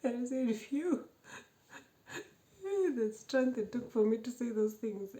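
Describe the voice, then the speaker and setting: With a mid-range voice, a woman gives a personal testimony, telling her story with energy. She laughs often and acts out the dialogue she quotes.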